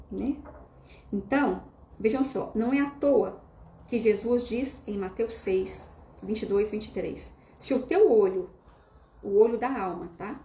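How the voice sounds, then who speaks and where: A woman's voice: on the high side, warm tone. Chatty Brazilian woman teaching in an echoey room. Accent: Brazilian Portuguese. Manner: chatty, addresses listeners often with tag questions. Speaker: online course teacher. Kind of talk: conversational lesson. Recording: roomy echo with faint hiss.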